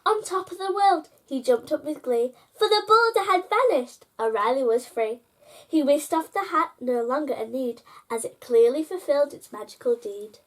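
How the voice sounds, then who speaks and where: Here a woman with a high voice, a children's storyteller, reads aloud from a bedtime picture book. Her normal-speed delivery is lively and sing-song, tracking each rhyme, and she addresses her small audience directly.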